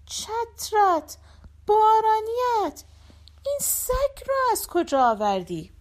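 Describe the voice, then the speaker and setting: A woman voicing an exasperated wife who scolds her absent-minded husband in a shrill voice. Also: huge pitch swings, darkish tone, full character voice. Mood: scolding. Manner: shrill, rapid-fire complaints.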